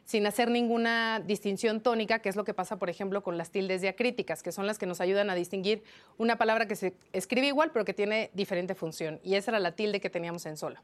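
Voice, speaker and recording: A Mexican woman journalist, a guest in an interview, explains spelling rules in a lively, teacherly style full of fillers. Her voice is medium in pitch and fast.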